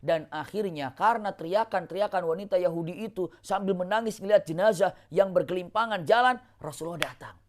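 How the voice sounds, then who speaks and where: A woman's voice: fairly low pitch, brisk, hardly any pauses. A woman, telling an Islamic religious story in a lecture and answering her own rhetorical questions. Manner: animated, asks rhetorical questions and answers them.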